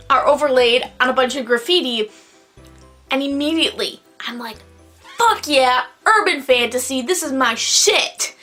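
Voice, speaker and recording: A tipsy woman vlogger with a high, slightly bright voice gives a casual, sweary video review. She rambles and exclaims, stretching out the words she stresses.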